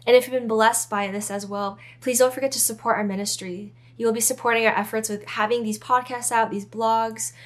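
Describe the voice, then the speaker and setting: A young woman speaks to her podcast listeners in an earnest, encouraging way. Her voice sits a little high, and her tone stays casual and chatty while she teaches and prays. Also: steady tone, a little fast, hardly any pauses. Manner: earnest, encouraging, casual fillers like "guys" and "right?". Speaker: podcast host and ministry leader. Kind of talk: devotional talk and prayer.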